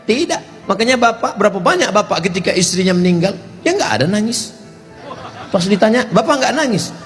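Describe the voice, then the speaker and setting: A male preacher delivers a comic sermon in a high, very animated voice that leaps up and down. He slips into quick imitations of other people and calls out questions to the audience. Faint music sits behind him. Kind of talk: humorous Islamic sermon.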